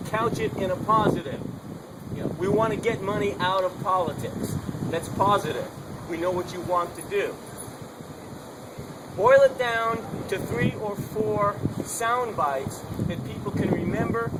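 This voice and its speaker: At an outdoor protest, a man with a high-pitched, strong, projecting voice gives an unamplified open-mic speech. He is emphatic and urging, driving his points home through repetition, and the recording is noisy.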